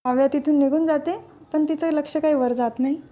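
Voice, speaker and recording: Woman doing a tv serial recap, high mellow voice, steady storytelling. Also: brisk, muffled recording. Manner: steady retelling, reads out characters' lines.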